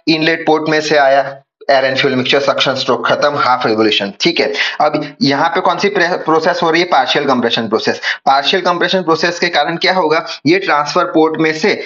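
A man's voice: on the high side, fast talker, fairly bright tone, dull audio. Man teaching engineering, question-and-answer style. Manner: repeats key points as questions. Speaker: engineering tutor. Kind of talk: whiteboard lecture.

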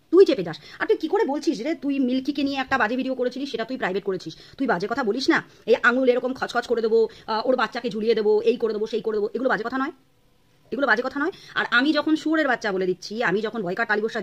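A woman's voice: on the high side, a bit bright. A woman vlogger from Bangladesh delivering an angry, insulting rant to camera. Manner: scolding, insulting, rapid-fire.

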